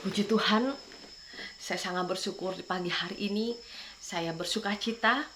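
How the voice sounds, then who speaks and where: A woman from Madura preaches with fervour, mixing sermon with her own testimony. Her voice sits at a middling pitch. Faint crickets and insects chirp behind her. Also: normal speed, a bit bright, a little hiss or hum. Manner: fervent, repeats "saudara" at phrase ends.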